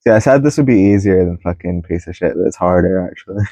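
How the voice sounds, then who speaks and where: A man's voice: low voice, quick pace, mellow, no echo, poor audio. A man giving casual music commentary from his bedroom, chatty and laughing often. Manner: chatty, sings snippets of songs, laughs often. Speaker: music vlogger.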